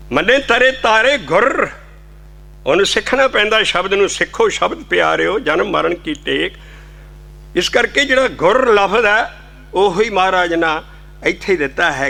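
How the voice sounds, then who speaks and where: A man's voice: fairly high pitch, creaky, pushed and bright. A man giving a devotional sermon, explaining scripture and breaking into sung hymn lines. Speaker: kirtan singer and preacher.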